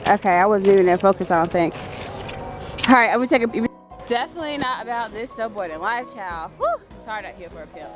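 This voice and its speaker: A woman's voice: mid-range voice, animated, fast, rough recording. A bubbly woman, chatting casually as she films her own vlog on a handheld camera. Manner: bubbly and chatty, often whispering softly indoors. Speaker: vlogger. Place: cabin indoors, then outdoors on a snowy ski slope. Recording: background music over the voice.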